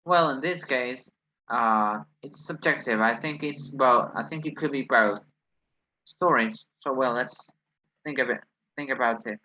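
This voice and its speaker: A man's voice: mid-range voice, a little slow, pushed and bright, highs cut off. A man who is not a native English speaker teaches an online lesson, reasoning hesitantly through exercises with many fillers. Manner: hesitant, thinks aloud, many "well"s.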